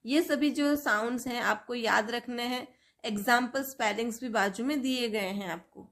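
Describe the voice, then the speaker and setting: A woman's voice: fairly high pitch, fairly bright tone. A woman teaching English phonics, drilling letter sounds and example words one at a time. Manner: slow, drawn-out word-by-word drilling of sounds. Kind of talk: phonics lesson for learners.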